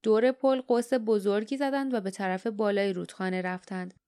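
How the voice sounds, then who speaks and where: A woman narrating an audiobook in a steady storytelling read. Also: medium pitch, smooth.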